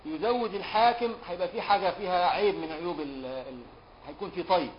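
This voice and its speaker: High-voiced Egyptian sheikh chanting lesson verses. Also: male voice. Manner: chants verses slowly, then quizzes students in colloquial speech. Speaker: sheikh teaching a religious law text. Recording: dull lo-fi lecture recording with faint hiss.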